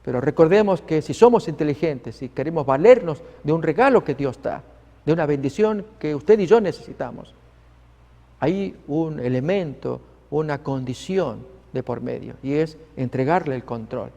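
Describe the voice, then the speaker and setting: Gravelly, warm-voiced male preacher. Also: on the high side, animated, normal speed, big-room sound. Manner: emphatic, vivid storytelling, addresses listeners as friends. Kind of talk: sermon.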